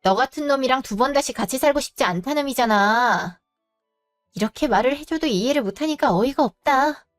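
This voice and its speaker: Woman playing scornful young woman, sharp, high voice, story drama, light music. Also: animated, fairly quick. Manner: scolding, cutting. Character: cold, sharp young woman boss's daughter.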